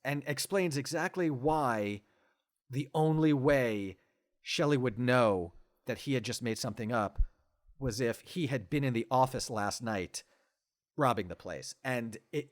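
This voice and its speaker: A man's voice: mid-range voice, lively intonation, a little slow, no echo, clean studio sound. A man in his forties, a podcast guest, talking with enthusiasm and many stammering restarts in casual conversation.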